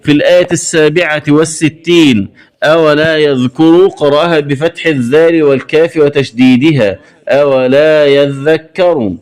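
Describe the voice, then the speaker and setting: A man teaching Quran recitation variants, stating each rule briskly and then chanting the word slowly and drawn out. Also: a little high, a little mellow. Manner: brisk rule explanations broken by slow, drawn-out chanted words.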